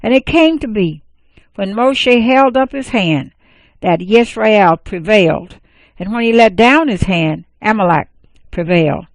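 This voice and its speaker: A woman reading scripture aloud, measured and even, with careful pauses. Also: medium pitch, no echo. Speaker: scripture reader.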